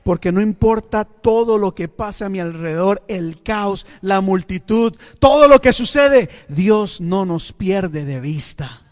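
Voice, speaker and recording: A man preaching a sermon as pastor, with dramatic pauses and occasional English asides. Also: high-pitched, darkish tone. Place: church. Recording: church hall reverb.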